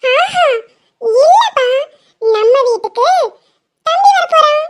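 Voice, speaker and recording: Cartoon little girl, bright and chatty, squeaky high sing-song voice, acted by a woman. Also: animated, slow, full character voice. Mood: excited. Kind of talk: animated story voice acting.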